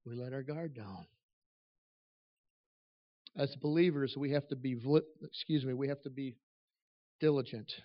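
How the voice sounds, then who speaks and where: A man's voice: medium pitch, a little slow, long pauses, dull audio. A man preaching an earnest, personal sermon at a pulpit microphone in a church, building to emphatic stresses.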